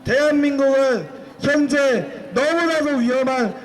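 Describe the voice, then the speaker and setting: A young man delivering a fiery political rally speech, forcefully throwing rhetorical questions at his listeners. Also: very high voice, measured pace. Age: young adult. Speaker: youth group speaker at protest rally. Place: outdoor protest rally. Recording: noisy outdoor rally with crowd.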